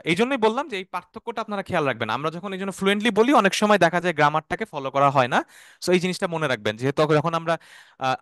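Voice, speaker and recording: A man teaching an online Arabic class, explaining terms slowly, repeating them and checking often that students follow. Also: on the high side, a bit bright, no echo, studio quality. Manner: has students repeat words after him.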